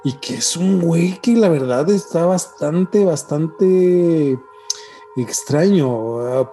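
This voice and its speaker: A man with a Mexican accent hosts a podcast, chatting casually after an announced intro. His voice is medium-pitched with a dark tone.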